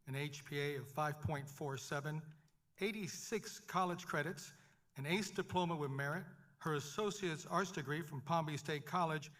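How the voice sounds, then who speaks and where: Male presenter at a podium mic, a touch high-voiced, formal and measured announcing. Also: fairly bright tone. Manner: measured, formal reading of honors. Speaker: ceremony presenter.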